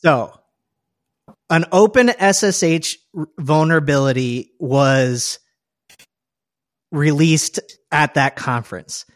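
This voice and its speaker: A man's voice: fairly high pitch, slow, long pauses, dry recording, clean studio sound. A man hosting a casual podcast conversation, reminiscing in a chatty way and laughing often. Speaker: podcast host.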